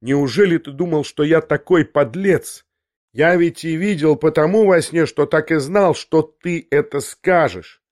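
A man's voice: a little high, unhurried, voice pushed up, close to an everyday voice. A man voicing an agitated, hot-headed young man who breaks into indignant outbursts in an audiobook reading. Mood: furious. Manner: excited, shouting outbursts.

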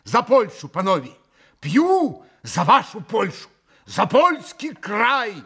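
A man voicing an impulsive, excitable young man who shouts and carries on. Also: high voice, slow, voice pushed up, exaggerated voice. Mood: rowdy, toasting. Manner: shouting, exuberant.

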